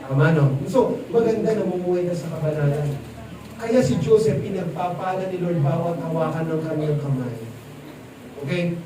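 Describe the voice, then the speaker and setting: High-voiced animated male preacher, echoey hall. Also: normal speed. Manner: animated, quizzes the crowd, mixes English. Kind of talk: lively sermon with audience questions. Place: church event hall. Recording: echoey hall, distant mic, noisy.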